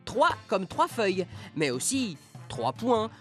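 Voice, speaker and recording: A woman's voice: mid-range voice, very animated, takes it slowly, a bit bright, faint music behind. A woman voicing a showy stage magician who grandly announces a number trick in a children's educational show. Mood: grandiose.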